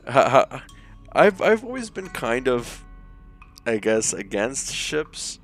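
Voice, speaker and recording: Young man, game streamer, rambling, many fillers, medium pitch. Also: big pitch swings, slow, a bit bright, faint music behind. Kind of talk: live game playthrough with chat.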